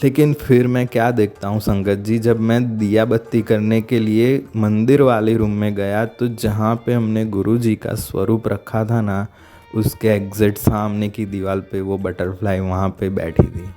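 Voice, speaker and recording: A man giving a heartfelt personal testimony, halting and searching for words as he speaks, with frequent restarts. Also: fairly low pitch, flat delivery, mellow, faint music behind. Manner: earnest and heartfelt. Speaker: devotee sharing a testimony.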